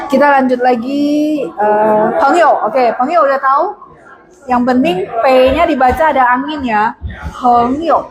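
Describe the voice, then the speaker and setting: A woman's voice: high voice, poor audio. Patient woman teaching a class. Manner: patient, explains step by step, models polite phrases slowly. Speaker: Mandarin teacher. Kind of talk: online language lesson.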